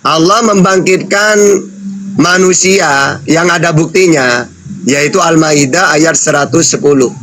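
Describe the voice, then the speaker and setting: A man debating religion on an online call, quick and insistent, quoting scripture. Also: fairly high pitch, a bit bright, slight background noise, low-quality recording. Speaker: Islamic preacher in a debate.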